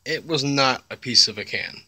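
A man's voice: mid-range voice, moderate pace, bright, forceful tone, no room sound. A young man chatting casually as a treasure hunter on a vlog. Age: young adult. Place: outdoors, on lawn and river water. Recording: noisy outdoor handheld camera audio.

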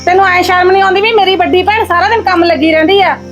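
A woman's voice: extremely high pitch, fast, loud music behind the voice. A woman acting a young sister-in-law who scolds her in-laws sharply, in a village short film. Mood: scolding. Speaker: actor.

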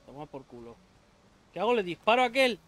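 Excitable, high-voiced gamer guy. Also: fairly quick. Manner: excitable, swears a lot, yelps when attacked. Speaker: gaming YouTuber. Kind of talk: let's play commentary.

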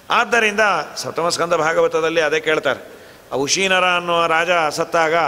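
A man gives a devotional discourse, asking lively rhetorical questions and slowly chanting verses. His voice sits high for a man and sounds bright and sharp. A long hall reverb trails behind his words. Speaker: religious discourse speaker.

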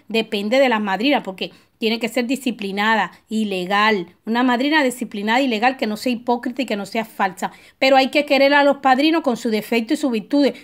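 A woman giving casual, preachy spiritual advice, full of tag questions and personal asides that wander off and circle back. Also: high voice. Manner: digressive, with restarts and personal anecdotes. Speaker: spiritual advisor teaching a ritual. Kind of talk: casual spoken advice talk.

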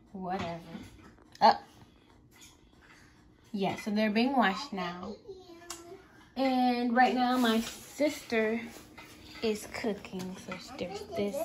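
Slow-talking young woman vlogger. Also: mid-range voice. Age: young adult. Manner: relaxed, rambling, with filler words. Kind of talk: casual vlog chat. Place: home, kitchen and bedroom indoors. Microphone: phone held at arm's length.

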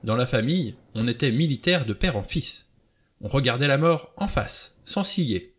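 A man calmly narrating a novel as an audiobook reader. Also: mid-range voice, moderate pace, breathy edge.

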